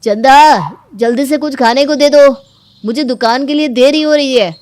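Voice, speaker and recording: A woman's voice: sits high, moderate pace, a little mellow, no room sound, pitched above the performer's own voice, natural voice. A woman voicing a young husband in a cartoon story, calling out in a hurry. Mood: hurried.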